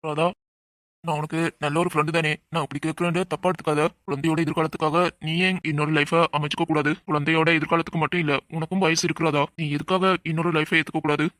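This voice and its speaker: A man's voice: on the high side, flat delivery, quick pace, a bit bright, dry recording, lightly acted. A man playing an earnest, coaxing young friend. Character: caring young male friend, gently persuasive. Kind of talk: audio drama acting.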